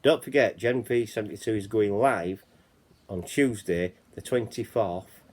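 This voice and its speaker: A husky, slightly mellow voice on the low side, unhurried and Yorkshire-accented, belongs to the host of a casual chat channel. He reads reports and rambles, with "you know what I mean" cropping up often.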